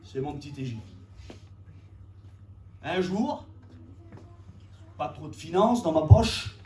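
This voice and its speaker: A high-pitched man delivers a sermon with emphatic, repetitive phrasing that climbs to shouts at its peaks. He is picked up from some distance, and the church room around him is echoey. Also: animated, takes it slowly, slight background noise. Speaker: preacher.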